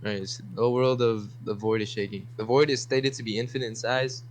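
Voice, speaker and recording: A young man in a casual debate, insistent, talking in halting bursts with restarts. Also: mid-range voice, steady tone, a little hiss or hum, rough recording.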